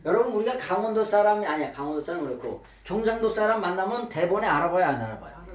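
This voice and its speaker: A man's voice: high-pitched, rapid-fire. A male pastor preaching a Bible study sermon, acting out dialogue and often prompting the congregation with questions. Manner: animated, acts out dialogue, keeps asking "예?". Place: church sanctuary. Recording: echoey room, mic from far, faint noise.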